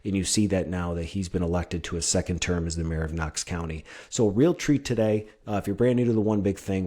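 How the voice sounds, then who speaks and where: Male podcast host, thirties, low voice, upbeat and chatty, casual interview tone. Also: a little mellow. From upstate New York. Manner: enthusiastic, chatty with fillers.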